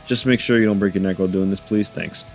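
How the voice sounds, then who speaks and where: A man with a low, deep voice talks through his gym workout in a relaxed, joking way, laughing to himself now and then. Faint music plays under his voice-over. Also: quick pace, creaky. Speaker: fitness vlogger narrating his workout. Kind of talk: casual voice-over commentary.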